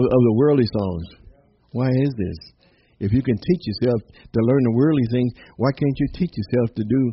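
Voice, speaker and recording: A man's voice: mid-range voice, husky, dull audio. A man preaching a sermon as pastor, fervent and chuckling often, with many amens, speaking to viewers and listeners.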